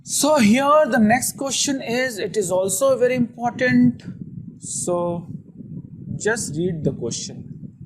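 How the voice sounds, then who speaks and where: Lively North Indian teacher voice. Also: medium pitch, slow, noisy background. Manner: didactic, asks and answers own questions, repeats phrases. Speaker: accounting teacher. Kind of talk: explanatory lesson to students.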